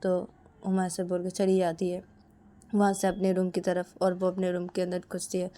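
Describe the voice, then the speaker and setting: A woman's voice: lowish voice, completely flat delivery, moderate pace, warm tone. A woman narrating a story casually in plain, repetitive sentences. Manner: plain, repetitive, "to tabhi" links.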